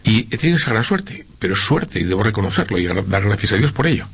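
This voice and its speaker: In an interview conversation, a middle-aged local politician from Spain answers questions earnestly, with many hesitations and repeats, his Spanish accent carrying a slight Argentine lilt. His voice is fairly low, very animated, fast, fairly bright, and breathy-edged.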